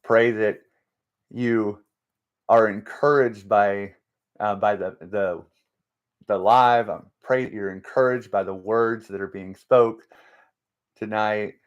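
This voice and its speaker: A man hosts a faith-based motivational live stream, speaking in a fairly low voice. He talks very slowly and haltingly, stopping to restart and repeat himself, and now and then reads out and answers viewer comments. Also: fairly even intonation, clear, resonant tone, dull audio. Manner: slow and halting, frequent restarts and repeated words.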